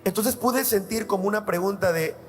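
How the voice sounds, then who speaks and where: A man's voice: high voice, a little fast, soft background music. A man, a pastor preaching a sermon and telling personal stories in an earnest way. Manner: earnest storytelling, addresses listeners as "amado".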